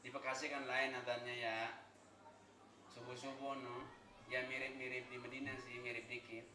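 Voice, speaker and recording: A man's voice: mid-range voice, completely flat delivery, reverberant, crowd noise, poor audio. A man giving a humorous sermon, telling stories and joking. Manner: joking, storytelling, chants Arabic phrases slowly. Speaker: preacher. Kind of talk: humorous sermon at a thanksgiving gathering.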